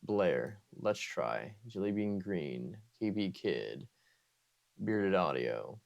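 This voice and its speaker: A man who hosts an ASMR channel, talking softly with a strained throat and rambling, often correcting himself and slipping into whispers. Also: low voice, very animated, slow pace, gravelly. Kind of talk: soft-spoken ASMR outro chat.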